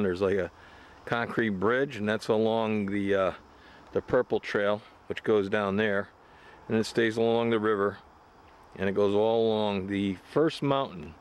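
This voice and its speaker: A man filming himself on a hike, narrating the trail in a relaxed, admiring way into a handheld camera outdoors. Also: lowish voice, normal speed. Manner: relaxed, admiring, pointing things out as he walks. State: out of breath while climbing. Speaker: hiker filming a trail tour. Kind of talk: casual narrated hiking vlog. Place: outdoors on rocky park trails. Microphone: handheld camcorder mic.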